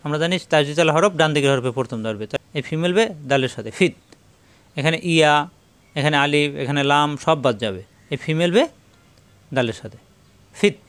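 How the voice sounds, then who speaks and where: A man leads a tajweed lesson, sounding out letters one by one before chanting whole verses slowly. His voice is smooth and resonant and sits a little high. The recording is close and dry. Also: a bit bright, no room sound. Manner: spells out letters and vowels step by step, then chants verses slowly. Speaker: Quran recitation teacher.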